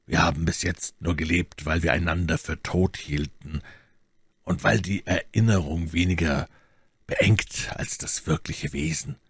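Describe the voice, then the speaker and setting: A man voicing a stern nobleman in an audiobook, speaking slowly, coldly and with measured menace. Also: low-pitched, fairly even intonation, breathy edge, exaggerated voice. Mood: accusing. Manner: slow, measured, threatening. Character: stern cold nobleman, adult, menacing calm. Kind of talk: audiobook character voice.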